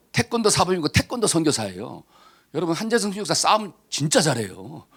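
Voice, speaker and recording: A middle-aged man preaching a sermon as pastor, telling a story with animation and calling out to the congregation. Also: fairly high pitch.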